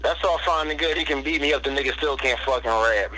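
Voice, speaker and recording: A man's voice: medium pitch, quick pace, a loud crowd. A man calling in over a phone on speaker, talking in a blunt, crude and mocking way in casual chat. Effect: heard through a phone on speaker. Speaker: caller. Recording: phone speaker in a noisy room.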